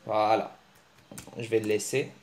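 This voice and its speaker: A man giving a casual, joking online language lesson, teasing his viewers and breaking into animated bursts. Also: unhurried. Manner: joking, animated, teasing, with sudden pitch jumps. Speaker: language teacher.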